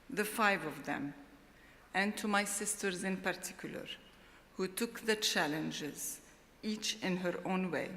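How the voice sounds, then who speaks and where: A middle-aged woman gives a formal award acceptance speech at a podium microphone, in a slow, deliberate and heartfelt way. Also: fairly low pitch, fairly bright tone, a little hiss or hum. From Lebanon. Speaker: award laureate. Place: large ceremony hall. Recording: long hall reverb.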